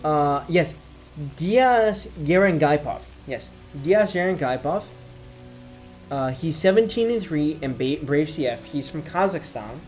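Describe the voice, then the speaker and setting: Tipsy man rambling, higher-pitched voice. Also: expressive, a little mellow, soft background music. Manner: drinking while ranting, tipsy rambling; halting, thinking aloud. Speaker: MMA commentator giving opinions. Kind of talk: casual off-the-cuff rant.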